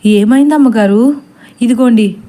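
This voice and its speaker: A woman's voice: on the high side, measured pace, mellow, lightly acted. A woman voicing a sleepy, dismissive maidservant who placates her frightened mistress. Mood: placating. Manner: drowsy, placating.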